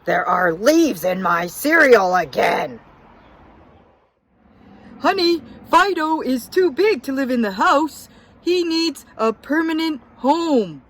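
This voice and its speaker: A woman's voice: sits high, animated, slow pace, fairly bright tone, pitched above the performer's own voice, full character voice. A woman voicing a skeptical, matter-of-fact naysayer in a children's storybook. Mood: firm. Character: skeptical, dismissive storybook naysayers about pet trees. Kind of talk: storybook character reading.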